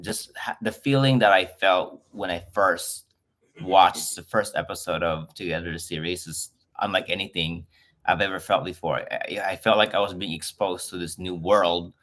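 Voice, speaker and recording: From his home in Los Angeles, a Filipino livestream host whose first language is Filipino chats casually with viewers, greeting them in a chatty, effusive way. His voice is lowish with a fairly bright tone.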